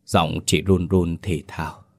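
A man with a very deep, low voice narrates a ghost story. His delivery is steady and dramatic. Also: measured pace, creaky.

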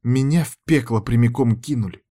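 A man voicing a sharp-tongued young witch woman who is bitter and frightened. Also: medium pitch, fairly quick, lightly acted. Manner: bitter, hissing, bold.

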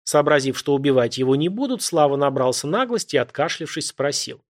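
A man reads scripted narration for an audiobook. His voice stays even and measured. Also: fairly high pitch.

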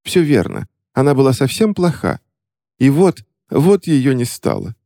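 A man's voice: mid-range voice, sing-song, unhurried, dark tone, no room sound, studio quality, pitched above the performer's own voice. A man voicing a cunning young witch who puts on tearful, theatrical grief to get her way. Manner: whimpering, theatrical, pleading.

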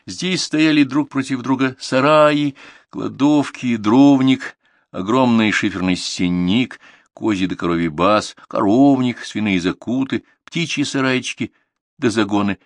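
Low-voiced male audiobook narrator. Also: no echo, clean studio sound.

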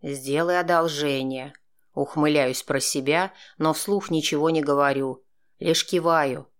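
A man narrating a first-person audiobook in a steady, dry, sardonic tone. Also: fairly high pitch, unhurried.

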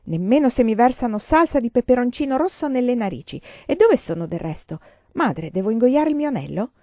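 A woman voicing a spirited, stubborn little girl in a storybook reading, speaking high and insistent. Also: big pitch swings, normal speed, dark tone, no echo, close to an everyday voice. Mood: bold.

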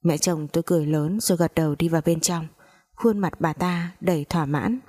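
A woman narrating a sad first-person story in a calm, somber way. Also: sits low, a little fast.

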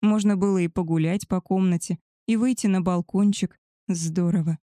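A woman reading a first-person story aloud in a wry, even storytelling manner. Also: lowish voice, normal speed, dry recording, clean studio sound. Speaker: audiobook narrator.

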